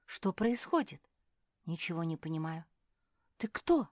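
A woman voicing a gentle, puzzled young female pug in a storybook reading, speaking mildly and in wonder. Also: fairly low pitch, very animated, unhurried, no echo, clean studio sound.

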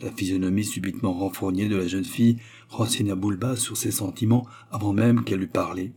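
A man narrating a novel in a steady, measured audiobook reading. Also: lowish voice, husky.

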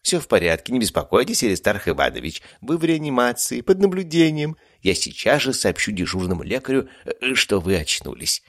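A man's voice: on the low side, sing-song, normal speed, creaky, hardly any pauses, dry recording, studio quality, voice pushed up. A man voicing a kindly, bustling female nurse with a soothing manner in an audiobook. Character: fussing female hospital nurse, kind and chatty.

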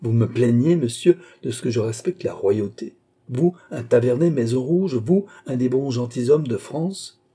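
A reserved young chevalier, curt and dignified, speaking in a dark, husky voice, as a male reader plays him. His replies stay cool and clipped in this storybook reading. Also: medium pitch, expressive, normal speed. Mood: indignant. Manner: cold, restrained, curt. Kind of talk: audiobook character reading.

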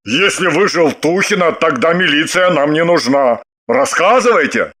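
Woman putting on a loud blustery guy, lowered voice but still bouncy and bright. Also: animated, normal speed. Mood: indignant. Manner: blustering, indignant, shouting. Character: indignant blustering middle-aged man, loud.

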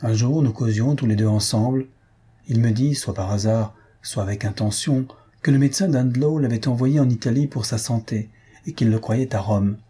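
Male audiobook narrator, breathy husky timbre, dark and mellow, steady literary reading. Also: medium pitch, normal speed.

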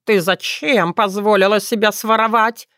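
A woman's voice: a little high, expressive, takes it slowly, fairly bright tone, no echo, studio quality, voice pushed up. A woman voicing a fussy, dramatic male talking cat who wails, scolds and pities himself in an audiobook. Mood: scolding. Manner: wailing, scolding, self-pitying. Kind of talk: audiobook character voice.

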